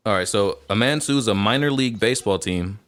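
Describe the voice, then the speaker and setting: A man's voice: lowish voice, fairly quick, fairly bright tone. A man co-hosting a casual podcast in a studio, reading out news headlines in a loose, laughing way. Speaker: podcast co-host.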